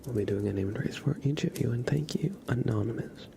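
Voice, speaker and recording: Over a noisy background, a man with a creaky, mid-range voice hosts a livestream, reading messages from his chat and thanking them. He whispers in a soft, slow ASMR style with light chuckles, close enough to the microphone that it catches his mouth sounds.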